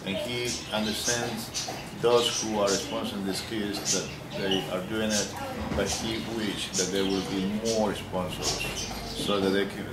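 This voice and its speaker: A man interpreting in halting English, recorded from afar in an echoey room. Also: on the low side, very noisy. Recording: distant echoey room with loud ambience.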